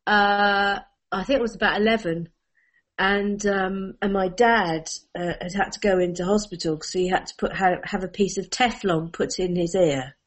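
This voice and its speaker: A woman recounts anecdotes in a casual chat, her voice animated and quick to break into laughter. She has a medium pitch and keeps the telling lively and self-mocking.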